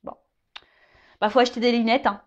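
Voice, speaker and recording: Addressing the viewer straight on, a tarot reader chats hesitantly, repeating words, using plenty of fillers and now and then cracking a joke. She sounds a little high with fairly even intonation and a fairly quick pace, though the recording loses its highs.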